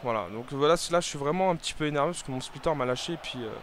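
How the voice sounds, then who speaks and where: A young man commenting casually on his own football video game, rambling and hesitant with many fillers and restarts, breaking into excited shouts at the game. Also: fairly high pitch, very fast. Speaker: gaming video creator.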